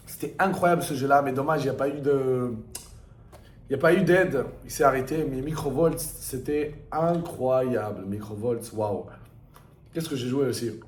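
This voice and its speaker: This young adult gamer, whose French came from video games and not from birth, chats in a rambling, casual way about his memories, full of enthusiasm and slang and emphatic repetition. Recorded in an echoey room, his voice is medium-pitched at a normal speed.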